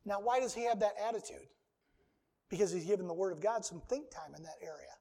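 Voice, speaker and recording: Mid-sermon, an emphatic preacher reads scripture aloud in a fairly quick, gravelly, warm voice of middle pitch. He keeps circling back to the same phrases, using repetition to drive each point home.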